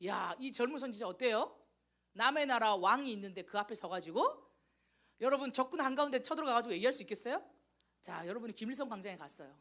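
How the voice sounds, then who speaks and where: A woman missionary preaching a lively sermon to young people, telling the story with animation and teasing listeners by name. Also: a little high, quick pace.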